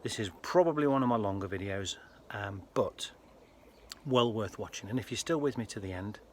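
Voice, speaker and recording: A British man speaking casually to viewers in a personal health vlog, with an earnest, halting delivery. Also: lowish voice. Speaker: health vlogger. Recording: faint ambient background noise.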